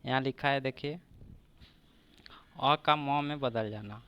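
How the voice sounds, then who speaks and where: With a mid-range, slightly bright and resonant voice, a man walks through an exam grammar lesson, slowly splitting each example into words and repeating it. The sound is clear.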